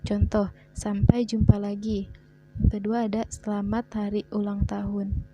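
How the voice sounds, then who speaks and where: Measured female teacher, warm low timbre, faint background music. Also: completely flat delivery, dull audio. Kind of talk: scripted grammar lesson narration.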